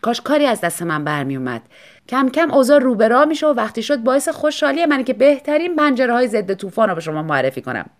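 A woman voicing a polite travelling salesman making his pitch, in a storybook reading. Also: big pitch swings.

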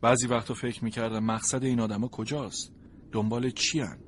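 Guy reading a storybook as the dog, earnest, mid pitch, noise behind him. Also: level tone. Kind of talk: storybook narration in first person as a dog. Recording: noisy background.

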